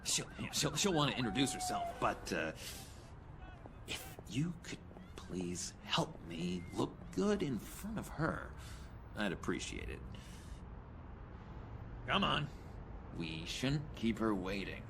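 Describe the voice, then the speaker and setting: A man's voice: lowish voice, huge pitch swings, slow pace, vocal fry, long pauses, noisy background, full character voice. An actor playing a giddy, clingy young man in a video game, with an erratic, sing-song way of talking and frequent giggles. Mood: bashful.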